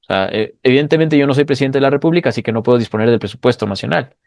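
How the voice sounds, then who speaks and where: A man at a mid pitch speaks as the guest of an online interview, earnest and explanatory. He sometimes stumbles over repeated words while he thinks. The call audio is dry and close. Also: animated, rapid-fire, creaky, a little mellow, dry recording. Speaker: guest economist. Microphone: video call.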